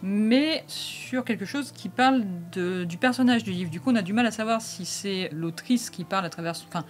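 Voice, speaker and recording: A woman in easy conversation about a novel she has read, reading lines aloud with lively expression. Her voice sits at an ordinary middle pitch, and faint music plays softly behind her. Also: normal speed. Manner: chatty, reads aloud expressively, laughs often. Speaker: book reviewer, co-host. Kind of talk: casual book chat on video.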